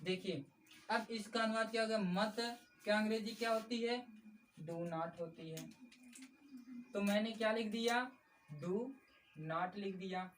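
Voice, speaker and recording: A woman's voice: mid-range voice, a little slow, long pauses. A woman teaching a grammar lesson, patiently repeating key points and calling her viewers friends. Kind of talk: explanatory classroom lesson. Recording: slightly distant mic with faint background noise.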